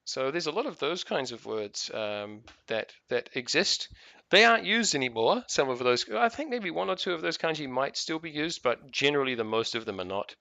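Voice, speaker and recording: A man's voice: fairly high pitch, very animated, normal speed, creaky, bright, forceful tone, dry recording. A man with a New Zealand accent chatting casually while playing a game, rambling with lots of fillers and restarts. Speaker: gaming video host.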